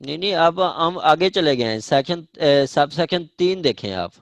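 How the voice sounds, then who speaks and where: A man with a Pakistani accent teaches law in an online class over screen share, explaining legal definitions and repeating and rephrasing key points while checking that students understand. His voice is on the high side and creaky, with lively intonation and a moderate pace. There is no echo.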